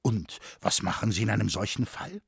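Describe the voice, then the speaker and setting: A man's voice: on the low side, fairly quick, gravelly, husky, no room sound, studio quality, exaggerated voice. A man voicing a naive, easily frightened city schoolmaster who speaks properly and stammers when shocked. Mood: anxious. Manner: fussy, stammering, proper speech.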